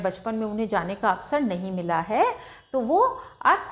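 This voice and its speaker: A woman teaching beginners to read at a board, patiently sounding out syllables and repeating them for learners. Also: medium pitch. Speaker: Hindi literacy teacher. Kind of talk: slow board lesson for beginners.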